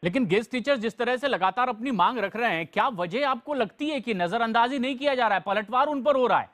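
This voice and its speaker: A man with a high-pitched voice anchors a live TV news broadcast. He introduces guests and asks pointed questions in a brisk, formal tone. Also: expressive, fairly bright tone.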